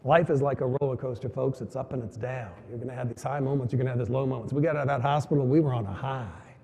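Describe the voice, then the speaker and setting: A man's voice: medium pitch, fast talker, creaky, dark tone, breathy edge. A man giving a motivational keynote, telling a story with emphatic lines and quoted dialogue. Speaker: keynote speaker. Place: large conference hall. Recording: long hall reverb from a venue PA.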